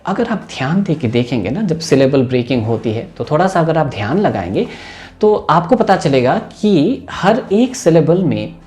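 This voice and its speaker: Man, pronunciation teacher, slow deliberate delivery, repeats words with exaggerated stress, faint music behind. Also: a little high, a little mellow. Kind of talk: Hindi-English mixed lesson.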